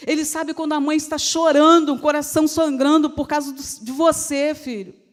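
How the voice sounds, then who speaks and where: A woman's voice: sits high, steady tone, normal speed. A middle-aged woman with a Brazilian Portuguese accent preaching a sermon in an emotional, pleading way, repeating phrases for emphasis. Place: church. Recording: church hall reverb.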